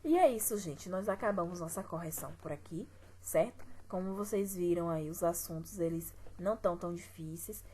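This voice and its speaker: A woman's voice: on the low side, fairly quick, mellow, slight background noise, rough recording. A woman teacher with a Brazilian Portuguese accent, patiently walking students through exercises step by step and asking them rhetorical questions. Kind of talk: recorded classroom lesson.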